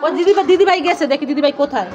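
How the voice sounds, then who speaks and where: High-voiced animated mother. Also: racing, highs cut off, crowd noise. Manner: animated, coaxing, scolding. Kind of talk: playful pretend play with children. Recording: noisy home recording.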